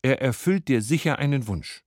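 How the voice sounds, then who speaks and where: A man voicing a fisherman's demanding wife in a fairy tale, speaking in a high scolding whine. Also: lively intonation, moderate pace, a little mellow, no room sound, studio quality, lightly acted. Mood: nagging.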